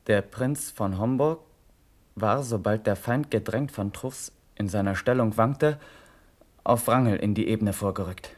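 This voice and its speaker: In a classical German radio drama, an actor declaims measured verse as a grave, impassioned cavalry officer. His male voice sits on the low side, a little mellow and close to how he'd normally speak.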